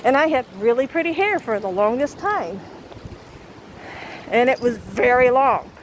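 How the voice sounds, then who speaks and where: A woman chatting casually and haltingly to her vlog viewers, outdoors in strong wind. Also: fairly high pitch, lively intonation, rough recording. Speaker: vlogger. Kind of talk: casual rambling vlog chat. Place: outdoors in windy weather. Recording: loud wind noise, outdoors.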